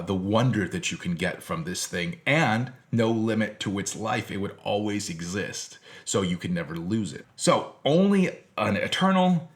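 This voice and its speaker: With a fairly low-pitched voice, this American man gives a casual philosophy lecture. He talks to his audience directly, like a teacher, keeping things conversational but emphatic.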